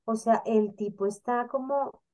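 A woman co-hosting a casual panel talk, explaining emotions in an animated way and acting out the people she quotes. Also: a little high, a little slow. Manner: animated, acts out quoted voices. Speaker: co-host.

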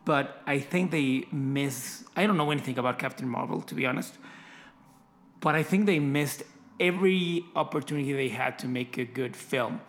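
A young man co-hosting a casual film podcast, talking in an animated, emphatic way. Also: medium pitch, normal speed. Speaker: podcast co-host.

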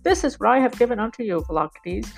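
A woman's voice: a little high, lively intonation, fast, creaky, soft background music. A woman playing a raving club-footed man. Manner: feverish, ranting monologue full of violent images.

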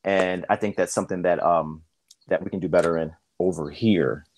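A man with a low, steady, darkish voice co-hosts a podcast at normal speed. His casual chat is loose, full of fillers and restarts.

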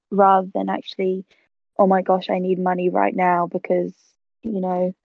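A woman's voice: mid-range voice, vocal fry, no room sound. A woman in her twenties, originally from South Africa, chatting casually as an interview guest and laughing easily. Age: 20s. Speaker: guest photographer. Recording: tinny phone-like line.

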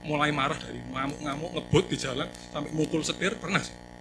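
A man preaching a sermon in a lively, joking way, often calling out to his listeners. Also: a little high, quick pace, over music, poor audio. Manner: animated, jokey, addresses listeners as 'saudara'.

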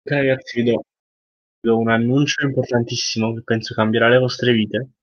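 A man's voice: medium pitch, fairly even intonation, brisk. Young man chatting, slightly muffled. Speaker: podcast co-host. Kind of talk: casual chat. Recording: dull lo-fi online call audio.

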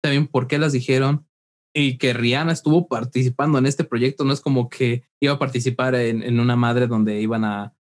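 Mexican young male co-host, loose slangy banter, average-pitched voice. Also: steady tone, fairly quick. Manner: slangy, says "güey" constantly. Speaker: podcast co-host. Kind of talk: casual chat.

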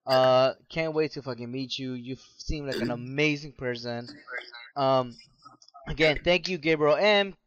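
A man co-hosting a casual podcast, swearing freely and boisterous in loud drunken banter. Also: mid-range voice, a little slow, muffled recording. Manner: profane and boisterous. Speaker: podcast co-host. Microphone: no webcam, remote mic.

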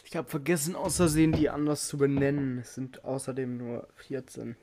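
A man's voice: medium pitch, flat delivery, brisk, mellow. Man, quiz host, casual chat, teasing, joking tone. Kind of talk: casual group chat, guessing game.

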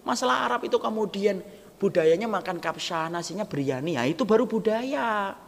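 A man's voice: high voice, a little fast. A man preaching a humorous sermon, acting out little dialogues as he jokes with the crowd. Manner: lively, joking, acts out quoted dialogue. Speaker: Islamic preacher. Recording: gravelly voice with long hall reverb, faint background noise.

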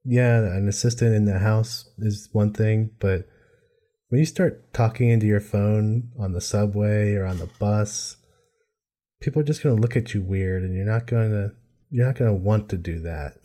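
A man's voice: lowish voice, moderate pace, dark tone. A man hosting a podcast, chatting casually about technology. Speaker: podcast host. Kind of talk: casual tech discussion.

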